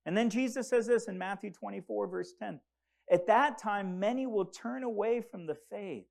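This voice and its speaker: A man's voice: sits high, gravelly, darkish tone. A man who grew up in Congo preaching a sermon, earnest and rising to urgent emphasis. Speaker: pastor.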